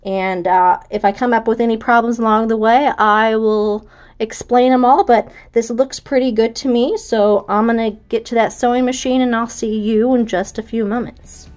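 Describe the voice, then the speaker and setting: A woman's voice: a little high, fairly even intonation, normal speed, darkish tone. An American woman, a quilting instructor, giving a friendly, chatty how-to walkthrough. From United States.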